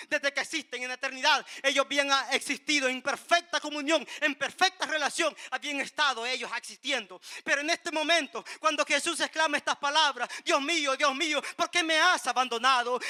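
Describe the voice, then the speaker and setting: A man's voice: very high-pitched, bright, forceful tone. A man preaching a sermon with passion, repeating phrases and building to cries. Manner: impassioned, repetitive preaching with rising cries.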